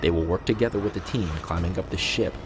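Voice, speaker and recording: A man reading scripted documentary narration in a measured, formal way. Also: low-pitched, music in the background. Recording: loud vehicle and outdoor noise behind.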